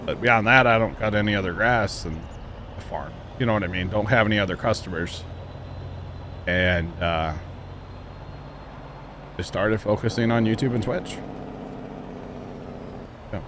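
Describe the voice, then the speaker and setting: With a lowish voice, unhurried delivery, and long pauses, a man in his mid-thirties from Missouri chats casually over background noise while streaming a farming game. His talk is full of jokes, teasing of friends, and fillers.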